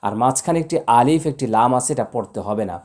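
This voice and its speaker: A man's voice: medium pitch, animated, quick pace, a little mellow. A man teaching Quran recitation to viewers, spelling out letters and vowel marks one by one and then chanting them. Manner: addresses viewers directly. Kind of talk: spoken lesson with chanted recitation.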